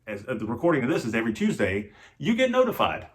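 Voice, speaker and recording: A man's voice: medium pitch, wildly swooping pitch, fast talker. Earnest, encouraging male co-host. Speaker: marriage channel co-host. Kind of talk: casual chat.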